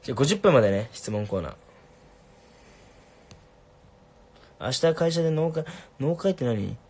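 A young man casually answering viewer questions on a livestream, laid-back and soft-spoken. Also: medium pitch, animated, takes it slowly, breathy edge.

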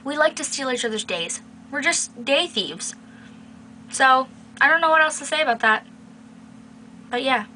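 A woman's voice: sits high, animated, normal speed, long pauses, sharp tone. A young adult woman chatting casually and playfully to camera as a video blogger, recorded in a small bedroom on the camera's mic. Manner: playful, teasing. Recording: noisy home webcam-style recording.

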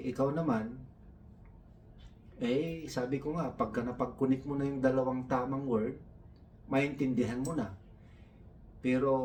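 A man's voice: medium pitch, a little mellow, recorded from a distance, a little hiss or hum. A man from the Philippines doing stand-up storytelling, taking on his coworkers' broken English in a raised voice. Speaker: comedian.

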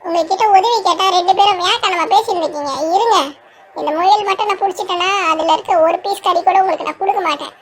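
A storyteller voicing cartoon village friends in a very high sped-up voice, trading lively banter. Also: fast.

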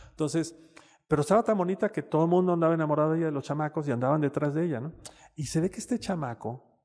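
A man's voice: a little high, dark tone. A man with a Mexican accent giving a casual, conversational lecture with slides as a panelist, often tagging on "¿no?". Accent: Mexican Spanish. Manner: conversational, peppers speech with "este" and "¿no?". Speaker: panelist speaking on literature and mental health. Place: lecture room at a university campus. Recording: reverberant hall sound.

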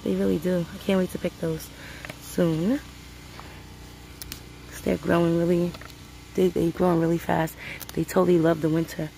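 Her voice sits lowish and gravelly with a dark, level tone, a moderate pace and long pauses, and the poor audio carries a little hiss or hum. She's a homestead vlogger from Brooklyn, New York City, talking chattily to viewers she calls "guys" as she picks peppers in a sunny outdoor garden on phone video.

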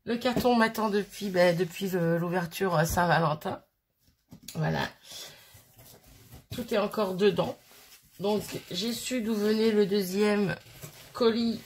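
A woman's voice: mid-range voice, a little hiss or hum. A woman in her thirties chatting casually as she unboxes a birthday parcel, rambling and giggly, with a sniffly nose. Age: 30s. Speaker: crafting vlogger.

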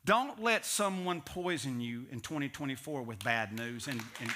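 At medium pitch and a moderate pace, a middle-aged male pastor delivers a sermon from a church stage. He is animated, alternating loud emphasis with hushed asides.

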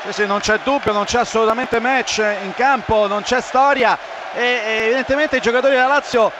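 A man from Italy giving live radio match analysis as second commentator, in a raised voice with halting phrasing. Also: very high-pitched, fairly even intonation. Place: football stadium commentary position. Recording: dull lo-fi feed with loud crowd. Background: noisy crowd.

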